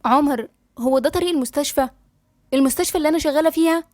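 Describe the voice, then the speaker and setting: A woman voicing an upset young woman doctor in an Egyptian Arabic audiobook drama, firing off sharp questions. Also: high voice, racing, a little hiss or hum, lightly acted. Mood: puzzled.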